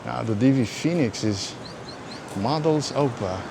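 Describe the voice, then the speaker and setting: A man from Aruba hosts a casual walking vlog outdoors along a road, chatting in a hesitant, meandering, conversational way. His mid-range voice has lively intonation and a measured pace, and the noisy street audio clearly picks up traffic and vehicle sounds.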